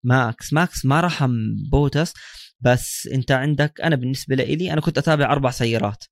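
A man with a Levantine Arabic accent discusses sport casually as a co-host. He talks very fast at a medium pitch, recorded dry with almost no room sound. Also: dry recording. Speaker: motorsport podcast co-host.

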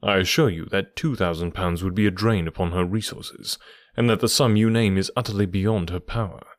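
A man's voice: low-pitched, a little fast, dry recording, studio quality, lightly acted. A man voicing a cool, composed male detective, speaking firmly and with restraint.

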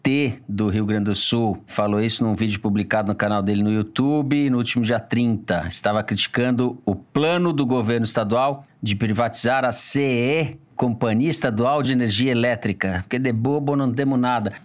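A man's voice: medium pitch, moderate pace, hardly any pauses. Joking man hosting a talk podcast. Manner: joking, then reads letters plainly. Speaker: podcast host. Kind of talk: casual chat.

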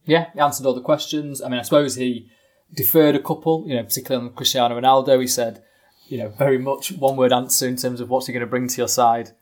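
A man's voice: medium pitch, little pitch movement, fast talker. A man co-hosting a football podcast, stumbling and repeating words as he talks. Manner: hesitant, repeats words, self-aware. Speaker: podcast co-host. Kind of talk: casual football podcast chat.

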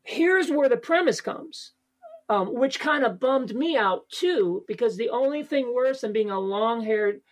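Speaking a little slowly and expressively, a male stand-up with a high voice guests on a podcast in a loose, rambling chat packed with fillers and restarts. The recording is rough.

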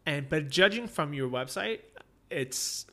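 A man's voice: fairly high pitch, expressive, unhurried, pushed and bright. An American man hosting a casual interview, talking in a rambling way with many fillers and frequent laughs. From United States. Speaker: podcast host.

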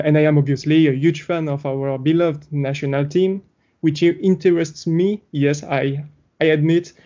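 A young man from France with a French accent, speaking English haltingly and searching for words. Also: fairly high pitch, mellow, highs cut off. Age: young adult. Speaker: podcast co-host.

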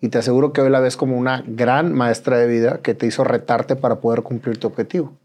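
A man, hosting a casual interview and asking relaxed follow-up questions. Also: mid-range voice, quick pace. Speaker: host.

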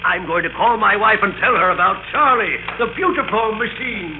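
In an old-time radio drama, a man plays a pompous, smug company boss, speaking formally with polite condescension and a grandly proud air. His voice sits high and moves at normal speed. The sound is phone-like: a thin, band-limited, noisy old radio recording.

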